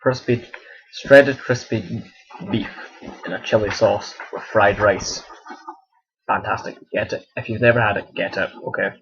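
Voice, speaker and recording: A man's voice: fairly low pitch, steady tone, unhurried, a bit bright, husky. A young man from Scotland with a Scottish accent, casually answering viewer questions in a rambling, self-correcting way. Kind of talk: casual chat. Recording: dull lo-fi home recording.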